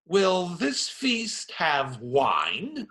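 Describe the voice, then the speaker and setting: A wary, wry friar in a radio play, a reluctant hero. His voice is a bit high and intensely bright, with animated swings of pitch. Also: drawn-out words, heavily acted. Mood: wry, curious.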